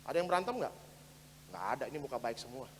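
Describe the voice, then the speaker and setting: A man preaching a sermon as pastor, fervent and direct with his congregation, switching between loud exhortation and quiet asides. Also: mid-range voice, animated, fast, a little hiss or hum. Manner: repeats phrases and addresses the congregation directly. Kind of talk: sermon for an online Sunday service. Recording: long hall reverb.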